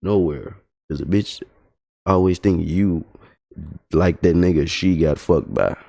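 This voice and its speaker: A man's voice: sits low, unhurried, vocal fry, dark tone. A man livestreaming a casual, profane, exasperated storytelling rant. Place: home streaming setup.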